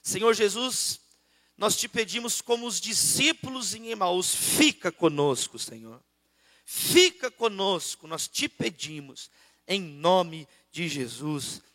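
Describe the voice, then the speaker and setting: A man with a Brazilian Portuguese accent preaching a sermon and praying in a church auditorium, switching between loud prayer and softer asides. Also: high voice, expressive, slow, long reverb tail. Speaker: pastor.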